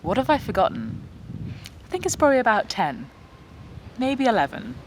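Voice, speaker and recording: A young woman who writes songs and plays guitar chats through viewer questions in a relaxed Q&A vlog, poking fun at herself as she answers. She speaks at a normal pace in a fairly high, sing-song voice, over slight background noise and poor audio.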